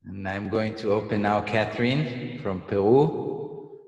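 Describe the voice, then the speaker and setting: Male host on a video call: slow, lowish voice, echoey room with long reverb. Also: darkish tone, lo-fi sound. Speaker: host and facilitator. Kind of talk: hosting an online group session.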